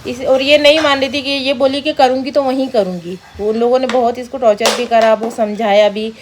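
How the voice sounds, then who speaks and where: A woman's voice: fairly high pitch, steady tone, fairly quick. Earnest middle-aged woman, noisy home recording. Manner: homely and earnest, talks things through at length. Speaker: mother-in-law in a family vlog. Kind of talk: casual family chat. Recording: clear background noise.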